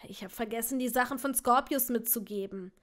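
Picture a weary young father in an audiobook-style fanfiction reading, as a woman voices him, speaking low and hushed, at times sinking to a whisper. He sounds quietly brooding, carried by a slightly high, clear voice. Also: a little fast, lightly acted. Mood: tired.

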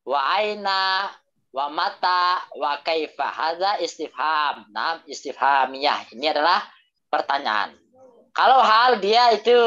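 A male teacher leads an online Arabic class, speaking slowly and deliberately. He drills word forms and echoes each student's answer back with corrections. The video call audio is dull and lo-fi. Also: sits high, pushed and bright. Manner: mixes Arabic phrases into Indonesian explanations.

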